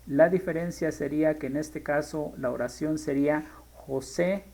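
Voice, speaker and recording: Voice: medium pitch, fairly even intonation, moderate pace, creaky, warm tone, poor audio. A teacher explaining grammar in a lesson, thinking aloud and stopping often to correct themselves. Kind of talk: screen-share grammar lesson.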